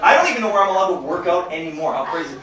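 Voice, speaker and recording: Male stand-up comic, brash and animated, live club recording with roomy echo. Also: sits high, rapid-fire, distant mic. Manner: brash, crude, animated storytelling. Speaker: stand-up comedian. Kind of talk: stand-up comedy set. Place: comedy club stage before a live audience. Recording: roomy club sound from off-mic, loud crowd laughter.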